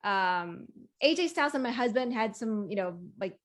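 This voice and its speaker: Woman, interview guest, somewhat high pitch, conversational storyteller, smiley delivery. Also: lively intonation, moderate pace. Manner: smiles and laughs often. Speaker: wrestling ring announcer and commentator, interview guest. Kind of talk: casual interview chat, storytelling.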